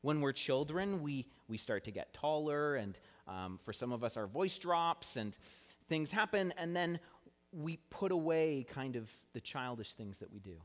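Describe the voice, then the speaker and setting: A man's voice: fairly high pitch, expressive, a little slow. Young man preaching in a reverberant hall. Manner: earnest teaching tone with light self-deprecating humor. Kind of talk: sermon. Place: church sanctuary.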